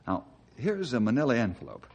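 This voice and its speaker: An actor playing a calm, kindly, confident Western ranger in an old-time radio drama, with a folksy, earnest, reassuring manner. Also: male voice, medium pitch, a little fast, vocal fry, breathy edge, heavily acted. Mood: calm, determined.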